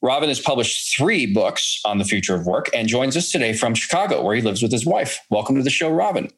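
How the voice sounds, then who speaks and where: A man's voice: mid-range voice, very animated, a little fast, a bit bright. A man co-hosting a podcast, who reads the upbeat introductions and asks the opening question. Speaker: podcast co-host. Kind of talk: scripted podcast intro and interviewing.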